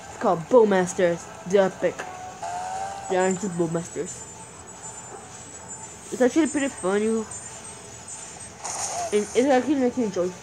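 A young-sounding gamer with a female-pitched voice gives casual, excitable gameplay commentary for gaming videos, having difficulty with R sounds. The speech comes at normal speed with frequent pauses, exclamations, and muttering to self. The recording is rough, with game music playing behind the voice.

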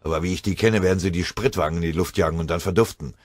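A man voicing a gruff soldier under fire who curses and speaks harshly through clenched teeth. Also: sits low, rapid-fire, no echo, lightly acted. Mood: grim.

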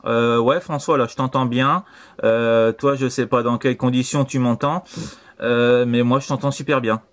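A French man with a French accent chats casually and repetitively as an amateur radio operator, his voice coming over a CB shortwave link from a transceiver. His voice is mid-range and steady at normal speed, with a little hiss or hum.

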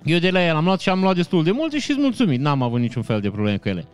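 Chatty male streamer, relaxed live chat with his viewers, laughs often, smooth clear tone. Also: a little high, faint music behind. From Romania. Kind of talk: casual live-stream chat reading comments.

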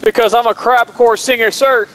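Man playing a high-voiced, deadpan, dutiful soldier. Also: moderate pace. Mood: deadpan, reluctant. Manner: deadpan, clipped, ending lines with "sir". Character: dutiful, deadpan male soldier answering his sergeant. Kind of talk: improvised in-game role-play over voice chat. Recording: game voice chat over faint battle noise.

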